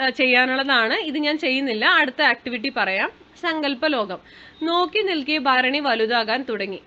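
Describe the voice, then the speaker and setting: A woman teacher who reads a story aloud and then explains a textbook lesson in a brisk, chatty way, often ending with tag questions. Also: high voice, pushed and bright. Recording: dull lo-fi recording.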